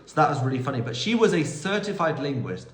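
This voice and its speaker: A man's voice: on the high side, very animated, quick pace. A man hosting a casual Q&A video, telling rambling stories full of quoted dialogue and recorded on a phone. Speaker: vlog host answering viewer questions. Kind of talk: casual Q&A monologue. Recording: roomy echo.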